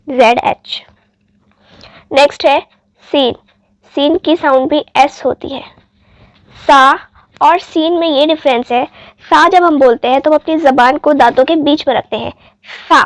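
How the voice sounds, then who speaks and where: Woman teacher going thru the alphabet letter by letter, high voice, super slow, dry close sound. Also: no echo. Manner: spells out letters one by one, patient and deliberate. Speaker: Urdu teacher.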